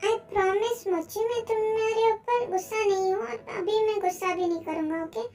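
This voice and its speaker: A woman's voice: very high-pitched, steady tone, moderate pace, darkish tone, soft background music. A woman voicing a young man who is a grumpy, curt but tender boyfriend in a fan-dubbed story. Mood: soothing.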